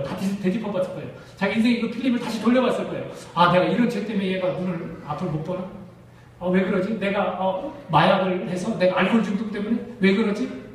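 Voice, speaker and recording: A man's voice: high-pitched, a little hiss or hum. A Korean man preaching a sermon to his congregation, emphatic and full of rhetorical questions. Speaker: pastor. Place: church sanctuary. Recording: echoey church hall, distant mic.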